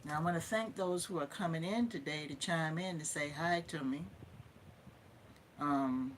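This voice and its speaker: A woman's voice: low voice, normal speed, a little hiss or hum. A Southern woman in her fifties hosting a casual livestream, emphatic and opinionated, repeating points for stress. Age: 50s. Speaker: livestream host.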